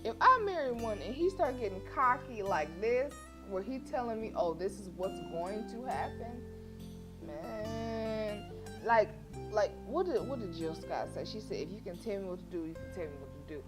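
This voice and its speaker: In casual livestream commentary, a sassy woman reacts to a game and reads a visual novel aloud, speaking in outspoken slang. Her medium-pitched delivery is animated and moderately paced, over plucked guitar game music.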